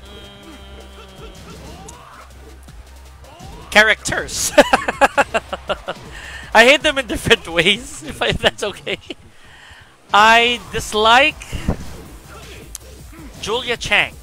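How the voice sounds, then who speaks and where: A man giving casual live-stream game commentary, chatty and excitable as he greets viewers. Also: very high-pitched, extremely slow, long pauses, faint music behind.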